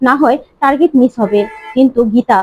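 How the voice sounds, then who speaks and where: A woman's voice: sits high, fairly quick. A woman voicing a cold young husband who acts as a henchman, giving blunt orders. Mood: curt. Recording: slightly muffled dry recording.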